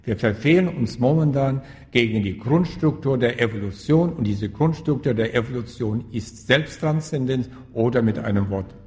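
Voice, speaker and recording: A man speaks as a spiritual teacher in an interview, at a middling pitch. He is deliberate and emphatic and restates his central points to stress them. His voice carries a long, echoing hall reverb. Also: darkish tone. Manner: emphatic, repeats key phrases for stress. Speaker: guest, spiritual teacher and author. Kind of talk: reflective interview answers.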